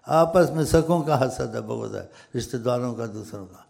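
Gravelly older man preaching. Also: medium pitch. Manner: rambling, emphatic, swings between loud stresses and soft drops. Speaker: religious speaker. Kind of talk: informal sermon.

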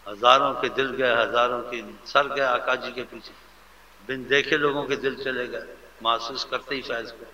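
A man preaching a devotional sermon with fervent, animated delivery, sometimes mimicking how people speak to others. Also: mid-range voice. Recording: lo-fi recording with faint ambience.

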